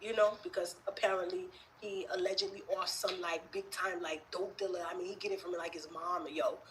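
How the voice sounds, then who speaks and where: A woman putting on a low, hushed New York drawl. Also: fairly even intonation, fairly quick, slight background noise, lightly acted, poor audio. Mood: streetwise. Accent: put-on New York. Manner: drawling, hushed, filler-heavy.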